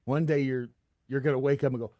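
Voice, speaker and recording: Casting: sixties male co-host, deadpan wit, dry close recording. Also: medium pitch, fast talker, dry recording. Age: 60s. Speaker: podcast co-host. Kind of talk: casual chat.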